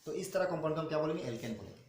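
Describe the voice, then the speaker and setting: A male chemistry teacher explaining step by step, asking questions, answering them himself and slowing down to spell out formulas. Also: a little high, expressive, darkish tone. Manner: repeats questions and answers them himself, calls students "beta". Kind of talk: classroom-style teaching. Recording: echoey room with faint noise.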